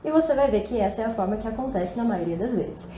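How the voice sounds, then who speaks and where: A woman's voice: on the high side, expressive, quick pace, mellow. A woman with a Brazilian Portuguese accent teaching an English lesson in a chatty, upbeat way, full of rhetorical questions. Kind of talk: casual video lesson. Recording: echoey room, faint background noise.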